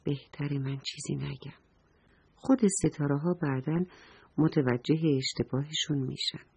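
Kind motherly sun, voiced by a woman, slow soothing delivery, low husky voice, bedtime storybook. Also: expressive. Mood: gentle, patient. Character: kind gentle female sun, patient and motherly.

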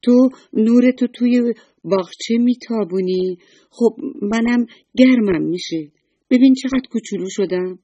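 A woman voicing a small, timid snowman who talks in a high, pleading, tearful way in a children's story. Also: dark tone, husky, no room sound, dull audio.

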